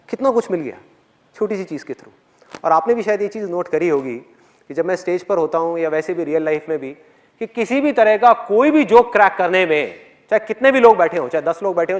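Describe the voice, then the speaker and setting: A man with a high voice gives a motivational talk from a stage, turning his own story into a lesson. He tells it with animation and keeps putting questions straight to the audience. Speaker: motivational speaker. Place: on stage before a live audience.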